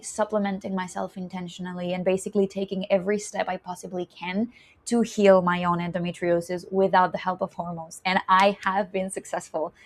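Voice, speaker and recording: A young woman from Chile, a nurse and menstrual health educator, introducing herself in a candid, chatty vlog and laughing often. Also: lowish voice. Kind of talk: casual self-introduction vlog.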